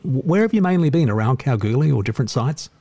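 Male Australian radio interviewer, medium pitch, easygoing conversational questioning. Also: big pitch swings, fast, dark tone, slightly rough.

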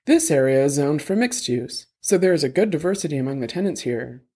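Man reading a female-styled sales bot in an audiobook, canned salesy patter, slightly high voice. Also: animated, fairly quick, dark tone, husky.

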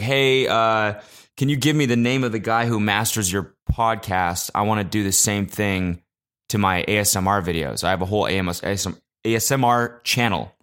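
Animated, foul-mouthed man on a podcast. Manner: animated and profane, jumping between loud exclamations and low mutters. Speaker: podcast host. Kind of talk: casual solo podcast rant. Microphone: podcast microphone.

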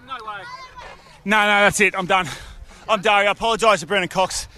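A man's voice: sits high, steady tone, brisk, bright, forceful tone. A man with an Australian accent co-hosting a live outside radio broadcast, joking at his own expense. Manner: self-mocking, jokey. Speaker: radio co-host.

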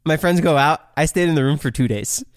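A man's voice: a little high, fairly quick, no room sound, clean studio sound. A giggly, drunk man co-hosting a podcast, telling casual comic stories with dramatic flair and swearing. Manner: dramatic, profane. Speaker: podcast co-host.

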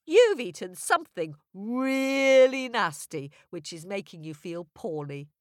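A woman voicing a boastful, hungry male trickster coyote in a storybook tale, bragging and excitable. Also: mid-range voice, a little slow, no echo, clean studio sound. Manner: cocky, excitable, brags.

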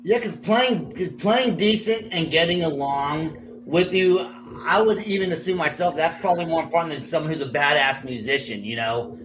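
A man's voice: a little high, moderate pace, crowd noise, poor audio. A man hosting a casual interview, asking informal, loosely phrased questions. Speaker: interview host. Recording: clear background noise.

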